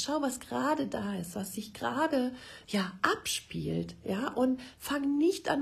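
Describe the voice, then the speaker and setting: Gravelly, husky German-speaking woman. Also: mid-range voice. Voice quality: soft, often drops to a whisper. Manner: earnest, personal, addresses listener directly. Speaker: self-help speaker. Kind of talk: advice talk on coping with fear.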